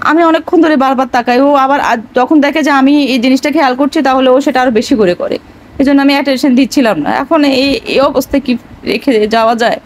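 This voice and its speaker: A young woman speaks in a high, bright voice. She coaxes her crying child with soft, repeated endearments. Her talk sounds weary and distressed. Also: fast talker, slight background noise, rough recording. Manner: tender, coaxing, repeating endearments. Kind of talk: home vlog, soothing a crying child.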